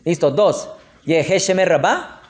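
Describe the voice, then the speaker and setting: Teaching about prayer customs, this rabbi speaks with a Colombian Spanish accent and an animated, somewhat high voice. He pauses to spell out every prayer word before continuing, frequently asking "¿ok?" or "¿listo?" to check everyone's following. Slight hiss or hum is present.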